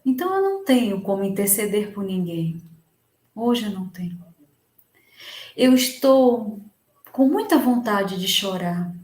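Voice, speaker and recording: A woman giving a Spiritist lecture, slowly retelling a devotional story in the first person with emotion. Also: mid-range voice, big pitch swings, a little mellow, roomy sound.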